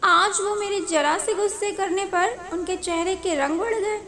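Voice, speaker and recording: A woman's voice: extremely high pitch, unhurried, a bit bright. A woman voicing a fiery young woman in a romance story, scolding and insistent. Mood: teasing. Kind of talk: storybook narration.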